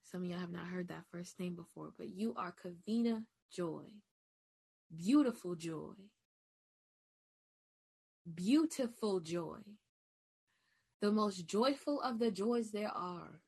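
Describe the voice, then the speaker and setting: A woman in her twenties gives a reflective personal monologue in a preacher-like style. She makes emphatic declarations with call-and-response asides, then drops to soft, hushed affirmations. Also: fairly low pitch, moderate pace, creaky, hardly any pauses, slightly rough. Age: 20s. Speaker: podcast host.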